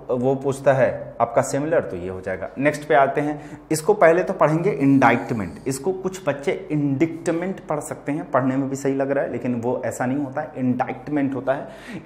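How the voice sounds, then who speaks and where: A man's voice: medium pitch, a little mellow, echoey room. A man teaching English vocabulary to students in Hindi, explaining patiently and often checking that they follow. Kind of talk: vocabulary lesson.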